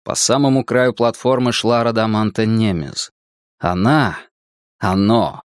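A man's voice: fairly low pitch, a little slow, clean tone, no echo, clean studio sound. A man reading dramatic first-person audiobook narration.

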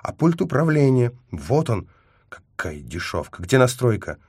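A man's voice: medium pitch, sing-song, measured pace, a little mellow, slightly rough, no room sound, studio quality, pitched above the performer's own voice, full character voice. A man reading an audiobook, voicing a capricious young woman agent who teases, scolds and adores by turns. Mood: urgent. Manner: teasing, mood swings from scolding to tender. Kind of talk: audiobook character voice.

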